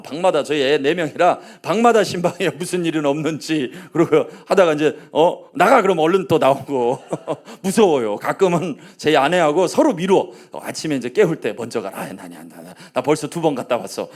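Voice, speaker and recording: A man in his forties, a pastor preaching a sermon, telling family stories in a low voice and rising to loud rallying calls. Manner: swings between hushed storytelling and loud rallying calls; acts out his family's quoted lines.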